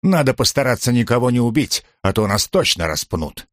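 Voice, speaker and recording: A man voicing a boastful, brawny drunken gladiator who booms and blusters in an audiobook. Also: very animated, a little fast, no room sound, clean studio sound, close to an everyday voice. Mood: amused. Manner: booming and blustering.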